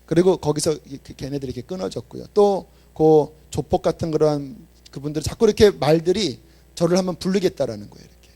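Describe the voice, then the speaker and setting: Animated Korean pastor, fairly high voice. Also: male voice, fast talker. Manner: animated storytelling, dropping low and quiet to act out quoted speech; emphatic, rising in pitch and volume on key points. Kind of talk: sermon.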